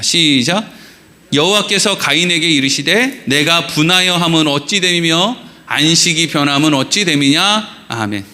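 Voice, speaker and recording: Brief: male pastor, middle-aged, lively conversational sermon, bright tone. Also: high-pitched. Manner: lively, conversational preaching with rhetorical questions and acted-out quotes. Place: church sanctuary.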